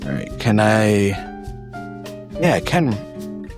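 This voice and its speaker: Slow, animated man running a tabletop game. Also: fairly low pitch, music in the background. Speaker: game master and host. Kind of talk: casual tabletop game chat, reading out listener submissions.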